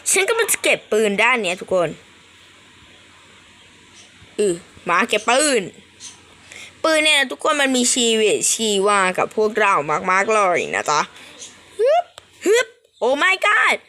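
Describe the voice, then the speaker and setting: Young woman streamer, bright and bouncy, playful game commentary, high and lively. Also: moderate pace. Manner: animated, squealing exclamations, playful. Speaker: gaming streamer.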